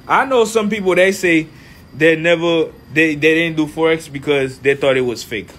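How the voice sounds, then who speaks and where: High-voiced young man, phone vlog. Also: normal speed, a bit bright. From Haiti. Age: young adult. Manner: emphatic, repeats phrases, asks "right?" often. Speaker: forex trading vlogger. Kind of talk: casual motivational talk to camera. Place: indoors at home, small room. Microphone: phone held at arm's length.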